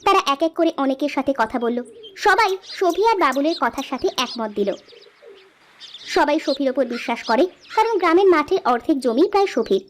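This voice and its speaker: A woman narrating a cartoon story in a plain, steady storybook style. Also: high voice, fairly quick, slight background noise.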